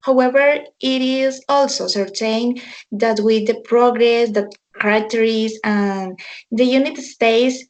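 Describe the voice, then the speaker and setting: A woman in her early twenties, a Spanish speaker studying English, speaking hesitantly on a video call. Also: on the high side. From Colombia. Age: 20s. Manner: hesitant, with restarts and fillers. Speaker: English student. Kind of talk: introduction and answer in class discussion.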